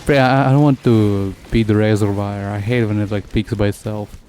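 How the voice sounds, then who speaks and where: A man's voice: on the low side, steady tone, warm tone, slight background noise. Rambling male streamer. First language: Russian. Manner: rambling, halting, heavy with fillers. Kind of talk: casual gameplay commentary.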